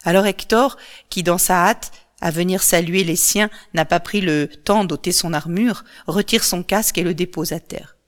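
A woman narrating a myth as a storybook, calm and measured. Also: lowish voice.

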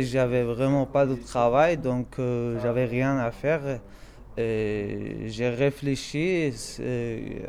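A young man from Afghanistan speaks very slowly with a warm, dark voice, halting often on fillers. Faint ambient noise sits around him. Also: mid-range voice. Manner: slow, halting, many fillers. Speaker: volunteer. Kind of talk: casual interview answers.

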